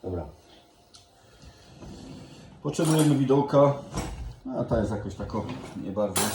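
A low-voiced man with a Silesian accent hosts a casual home cooking video, explaining each step in a folksy, chatty way. He takes his time between phrases. The room is echoey, with loud clatter of dishes and pans around him. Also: noisy background. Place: indoor kitchen. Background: clattering dishes, cutlery and pans.

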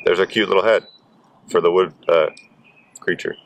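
A man hosting an oddball how-to segment outdoors, talking in a playful, deadpan way. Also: low voice, moderate pace, creaky. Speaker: host. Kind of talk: offbeat how-to demonstration. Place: outdoors in the woods. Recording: loud power-drill noise.

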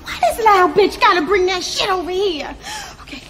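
A woman yelling and cursing in a panic, half laughing. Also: very high-pitched, expressive, normal speed. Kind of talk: frantic shouting in a viral clip. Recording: distant voice over a loud crowd and music.

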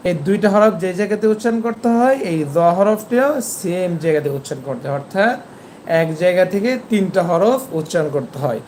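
A Quran teacher giving an online lesson, patiently explaining where each letter is pronounced and repeating the sounds slowly, over a video call. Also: medium pitch, expressive, a little mellow, a little hiss or hum.

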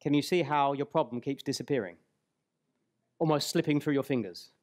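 A trainer in his forties, speaking into a headset mic on a hall stage, walks a live seminar audience through an exercise, slowing down on key words. He has a mid-range voice with a darkish tone.

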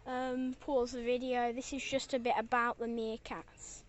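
Excitable woman vlogging outdoors. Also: a little high, measured pace. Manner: excitable, easily scared, exclaims a lot. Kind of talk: casual vlog commentary. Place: outdoors on a cliff walk and at a zoo. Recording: dull lo-fi sound with wind noise outdoors.

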